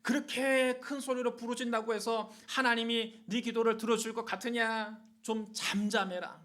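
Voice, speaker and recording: A man voicing a mocking devil who sneers slowly to sow doubt. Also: very high-pitched, little pitch movement, a bit bright. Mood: sneering. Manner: sneering, slow.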